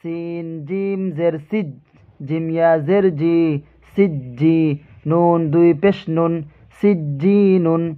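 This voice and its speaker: A man teaching Quran reading, spelling out Arabic letters and syllables and repeating each word, in a drawn-out way. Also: a little high, clear, resonant tone. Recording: tinny phone-like sound.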